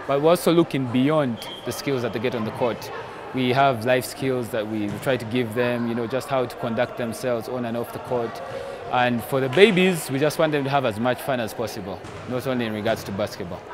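Male basketball coach, measured interview talk over background noise. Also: mid-range voice. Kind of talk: documentary interview.

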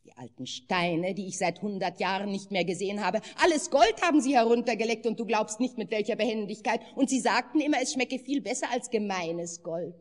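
A woman voicing a grieving, excitable old peasant wife in a fairy-tale reading, tearful and wailing. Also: medium pitch, big-room sound, lightly acted. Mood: indignant. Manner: wailing and indignant, rushing in complaint.

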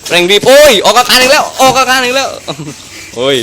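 A man doing excited Muay Thai boxing commentary, full of exclamations and rapidly repeated phrases. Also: extremely high pitch. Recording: noisy live event recording.

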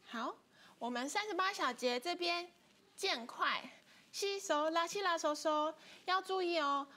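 High-voiced woman teaching a flute lesson. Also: sharp tone. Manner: patient, explains step by step. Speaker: music teacher. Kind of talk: online instrument lesson.

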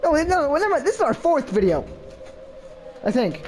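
A man's voice: very high voice, very animated, fairly quick, a little hiss or hum. Jumpy young man gaming. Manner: jumpy and complaining, easily startled. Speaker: gamer playing a horror game. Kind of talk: casual let's-play chat.

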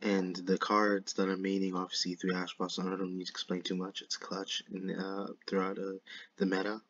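Casual male gaming YouTuber, slushy lisp, monotone delivery, dull dry recording. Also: low-pitched, moderate pace, no room sound. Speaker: YouTuber narrating a card game replay. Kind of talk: casual gameplay commentary. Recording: dull lo-fi microphone.

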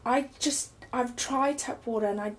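A woman's voice: on the high side, normal speed. A woman in her thirties talking nervously and self-consciously on a reality TV show. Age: 30s. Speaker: show participant. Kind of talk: reality TV conversation.

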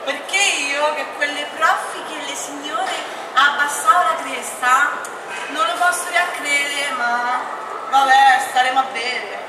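A young woman playing a sceptical, sharp-tongued former servant in an outdoor stage comedy. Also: sits high, a little slow. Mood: sceptical, resigned. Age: young adult. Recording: distant echoey audio, crowd noise.

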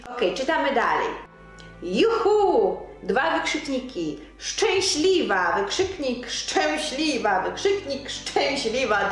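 A woman's voice: medium pitch, very echoey. A young adult woman vlogger reading her old diary aloud to viewers in a casual, chatty way. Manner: chatty, addresses viewers directly, reads entries with amused emphasis.

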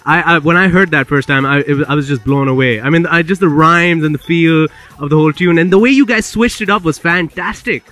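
This is a male radio host with a Pakistani accent. He talks quickly in a slightly high voice, with a hyped, slangy delivery and plenty of repeated words. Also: pushed and bright. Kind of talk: lively radio interview with slang.

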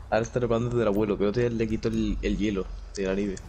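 Low-voiced young man, rambling. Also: fairly even intonation, brisk, darkish tone. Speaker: podcast co-host. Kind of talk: casual chat while gaming. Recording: noisy background.

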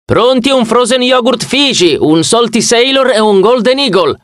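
A man voicing a loud, muscular young male waiter who booms out his call-outs, in an audiobook. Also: expressive, normal speed, no room sound, studio quality.

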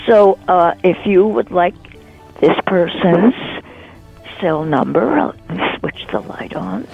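A woman's voice: lowish voice, expressive, takes it slowly, creaky, slightly rough, soft background music. An older woman on a phone call, confused at first, then laughing and playing along. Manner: bewildered, laughs easily. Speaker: prank call target. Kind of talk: phone conversation. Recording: muffled phone line.

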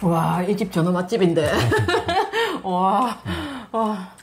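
A woman's voice: fairly low pitch, very animated, slow. A young woman talking with her mouth full during a casual meal chat, often breaking into appreciative exclamations as she eats. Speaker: mukbang vlogger. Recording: noisy home recording.

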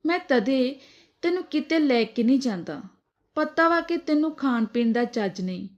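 An irritable grown son snaps and scolds in a storybook tale, as a woman reads him out. His lines come higher and a little louder than the telling around them. The recording sounds dull and lo-fi. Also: expressive, normal speed. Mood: scolding. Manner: scolding, snappish. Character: irritable grown son, short-tempered man. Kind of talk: storybook dialogue reading.

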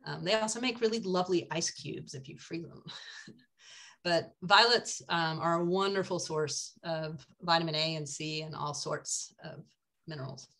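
Speaking at a moderate pace in a low, fairly bright voice, an older woman leads a casual foraging talk over slides. She is chatty and enthusiastic with many ums, and her webcam captures her from an indoor room on a video call.

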